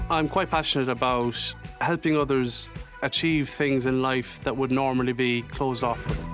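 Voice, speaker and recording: Measured Irish man in his thirties, music behind. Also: medium pitch, fairly bright tone. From Galway, Ireland. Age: 30s. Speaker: dinner guest. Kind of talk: unscripted interview and conversation.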